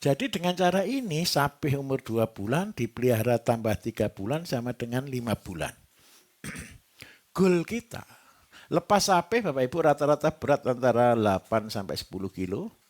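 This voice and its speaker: A man's voice: mid-range voice, moderate pace. A man with a Javanese accent gives a livestock-farming seminar, quizzing the audience and joking as he goes. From Java. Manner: lively, quizzing the audience with jokes. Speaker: livestock trainer. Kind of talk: seminar talk to a live audience.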